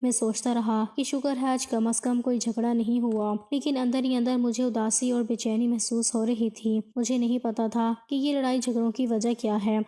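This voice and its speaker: Flat-voiced woman narrating a story. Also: a little high.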